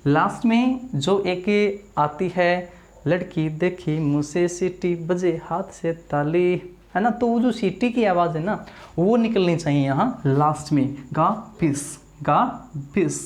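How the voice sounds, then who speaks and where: A man's voice: high voice, lively intonation, darkish tone. Hindi-speaking man teaching English pronunciation. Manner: drills words slowly, repeats them, asks the class to repeat. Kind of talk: classroom video lesson. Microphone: small camera in front of him.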